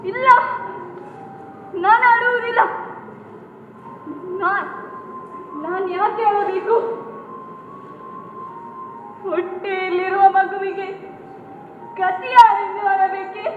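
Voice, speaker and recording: A young woman acting a grieving, defiant pregnant widow in a stage drama, declaiming and repeating her vows. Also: extremely high pitch. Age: young adult. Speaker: student stage actor. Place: stage in a hall. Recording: echoey hall, tinny phone-like sound, music behind.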